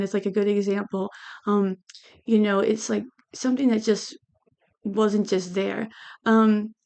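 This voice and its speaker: Creaky-voiced woman with a lisp from braces. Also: mid-range voice, darkish tone. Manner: hesitant, meandering, repeats "you know". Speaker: tarot reader. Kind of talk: casual tarot card reading.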